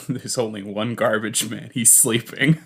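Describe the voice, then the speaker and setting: A man co-hosting a podcast, narrating an improvised story slowly with dramatic pauses. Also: lowish voice, steady tone, gravelly, fairly bright tone, breathy edge. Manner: slow, deliberate, dramatic pauses.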